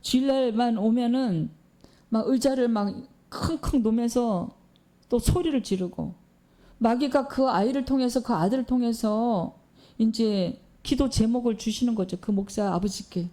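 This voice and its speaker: Woman preacher, fairly high and mellow voice, storytelling sermon with rhetorical questions. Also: normal speed. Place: church.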